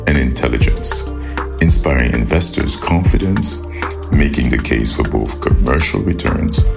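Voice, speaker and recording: A man's voice: extremely low pitch, vocal fry. A man reading a scripted sponsor message. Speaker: sponsor announcer.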